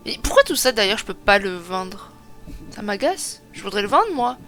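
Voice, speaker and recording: Bright-voiced woman gaming commentary. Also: medium pitch, very animated, moderate pace. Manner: chatty, self-mocking, thinking aloud. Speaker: gaming streamer. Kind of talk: casual let's play commentary. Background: game music.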